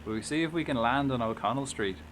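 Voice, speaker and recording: A man's voice: mid-range voice, fast, a bit bright. Sweary Irish man streaming over engine noise. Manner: sweary, rambling, chatting back to viewers. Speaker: game live streamer. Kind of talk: casual live gaming commentary while playing a flight simulator.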